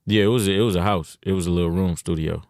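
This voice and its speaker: Deep-voiced laid-back man from Detroit. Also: fast talker, darkish tone, no echo, studio quality. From Detroit, USA. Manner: laid-back, heavy slang, many "you know what I'm saying". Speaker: rapper, podcast guest. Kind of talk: casual interview.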